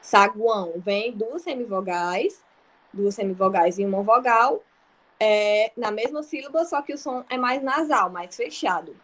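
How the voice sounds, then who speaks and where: A woman's voice: mid-range voice, expressive, measured pace, a bit bright. A young Brazilian woman teaching an online grammar lesson, explaining patiently with examples and checking that students follow. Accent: Brazilian Portuguese.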